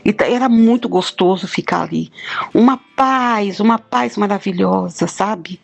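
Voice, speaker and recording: A woman's voice: mid-range voice, unhurried, creaky. A middle-aged woman, giving a heartfelt, plain-spoken personal testimony. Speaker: guest telling a near-death experience.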